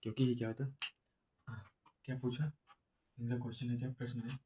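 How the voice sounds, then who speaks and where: Male teacher, monotone delivery, slow and repetitive, headache-weary exam lesson. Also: medium pitch, noisy background. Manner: slow, repetitive explaining with many filler checks. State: has a headache. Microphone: no proper voice recorder.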